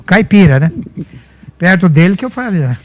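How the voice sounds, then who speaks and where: A man's voice: high voice, normal speed. An older man with a São Paulo countryside accent, a humorist guest telling anecdotes and acting out the dialogue. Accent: São Paulo countryside (caipira). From Brazil. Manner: lively storyteller acting out dialogue. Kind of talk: anecdotal storytelling.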